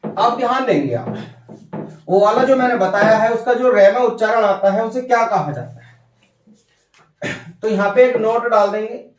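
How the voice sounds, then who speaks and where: Male grammar teacher, high voice, slightly off-mic; patient and repetitive, keeps checking in with his students. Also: animated, measured pace, long pauses, roomy sound, far from the mic, slight background noise. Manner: repetitive, checks understanding with "ठीक है" and "भैया". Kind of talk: whiteboard grammar lesson.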